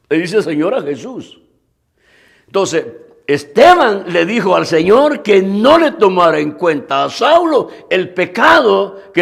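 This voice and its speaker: A man's voice: sits high, creaky, a bit bright. A male pastor preaching a sermon, speaking earnestly and directly to the congregation, repeating phrases and restarting lines as he goes.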